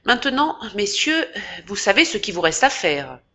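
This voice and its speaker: A woman's voice: medium pitch, big pitch swings, normal speed, fairly bright tone, pitched above the performer's own voice. A woman doing a sneering, haughty official. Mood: stern. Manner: mocking, haughty. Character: sneering male sub-prefect official.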